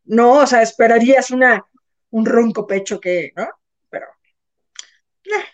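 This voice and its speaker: A woman's voice: on the high side, measured pace. A Mexican woman hosting a casual gossip chat, telling stories with acted-out quotes and casual swearing. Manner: animated storyteller, acts out quotes, swears casually. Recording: slightly dull, lo-fi sound.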